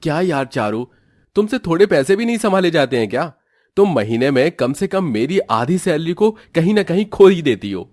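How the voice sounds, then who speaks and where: A man's voice: medium pitch, animated, moderate pace, no echo, clean studio sound, natural voice. A man voicing an irritated young husband who scolds his wife in exasperation. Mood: exasperated.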